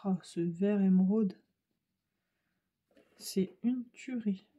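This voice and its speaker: A woman's voice: mid-range voice, slow pace, dark tone, husky. A woman with a Ch'ti accent from northern France, chatting casually to viewers while she tries out art supplies. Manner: chatty, thinks aloud while painting. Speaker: craft channel host.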